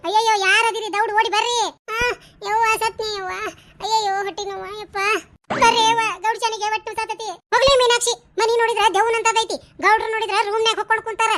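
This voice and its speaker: A woman voicing bickering village women in a cartoon, talking in quick bantering dialect with a North Karnataka Kannada accent. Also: very high-pitched, little pitch movement, a bit bright. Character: bickering village women, a landlady and her helpers. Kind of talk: cartoon voice acting.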